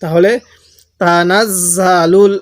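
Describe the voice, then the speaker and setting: A man with a Bangladeshi Bengali accent teaching Quran recitation, stretching out each chanted phrase and then explaining the rules in quick, plain speech. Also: high-pitched, flat delivery, dry recording. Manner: alternates drawn-out melodic recitation with brisk spoken instruction. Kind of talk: tajweed lesson, slow chanted recitation between quick explanations.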